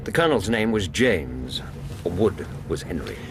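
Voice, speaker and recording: An actor playing a decent, earnest English gentleman doctor in a radio drama, speaking in a measured, gently firm way. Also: deep voice, sing-song, noisy background, heavily acted. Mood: earnest, questioning. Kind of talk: radio drama acting and narration.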